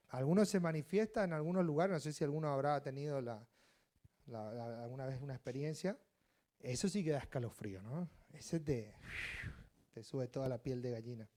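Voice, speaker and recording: Animated preaching man, mellow voice. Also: fairly high pitch. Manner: preaching with animated swings between loud scripture reading and quiet asides. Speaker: pastor. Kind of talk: sermon.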